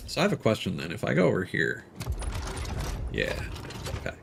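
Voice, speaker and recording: Against a noisy background, a young man streams a game and chats casually, rambling with lots of fillers and reading item text aloud. His fairly low voice swoops wildly in pitch, is creaky, and moves fairly quickly.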